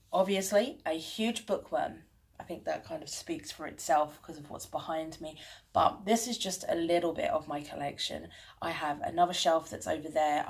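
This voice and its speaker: Chatty woman talking to camera. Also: sits low. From London, England. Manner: chatty, self-mocking, laughs often. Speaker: channel host. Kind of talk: casual chat to camera. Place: home room with bookshelves.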